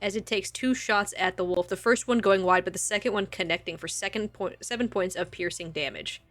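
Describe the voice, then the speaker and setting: A woman's voice: mid-range voice, fairly quick, fairly bright tone. A woman acting as game master, narrating a tabletop game in a casual way with easy laughs between rules calls.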